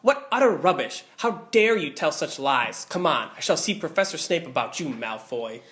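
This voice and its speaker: A woman voicing a strict elderly woman professor, scolding in a sharp, stern tone. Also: low voice, lively intonation, normal speed, voice pushed down.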